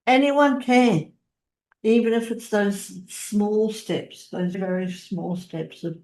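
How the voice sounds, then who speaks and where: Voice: medium pitch, slow, a little mellow. A podcast host asking personal questions and affirming the guest's answers. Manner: encouraging, affirming follow-ups. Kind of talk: interview hosting.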